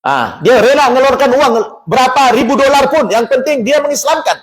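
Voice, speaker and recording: Male preacher, high voice, animated storyteller at a mosque talk. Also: fairly quick. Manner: animated storyteller, acts out dialogue. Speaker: religious teacher.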